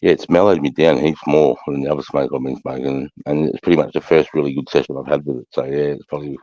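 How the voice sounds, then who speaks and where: Really deep aussie bloke chatting casually, sweary and slangy, bit muffled. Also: male voice, fairly even intonation, fast, mellow. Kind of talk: casual chat. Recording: muffled, roomy livestream audio.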